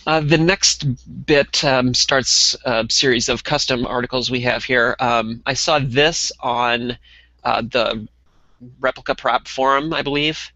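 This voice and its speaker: A man's voice: mid-range voice, a little slow, bright, forceful tone, no room sound, low-quality recording. A man co-hosting a casual podcast over a call, chatting loosely with lots of ums and restarts. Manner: conversational, many ums and restarts. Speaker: podcast co-host.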